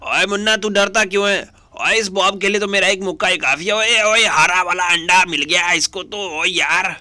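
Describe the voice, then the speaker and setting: A man voicing a loud, bossy cartoon cat who starts his lines with exclamations, in a fan-dubbed game video. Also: high voice, moderate pace, no echo, clean studio sound. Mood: excited.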